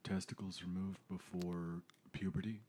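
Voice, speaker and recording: Casting note: low, husky male podcast co-host, dry straight-man delivery. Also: little pitch movement, moderate pace, warm tone. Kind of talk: improvised comedy banter.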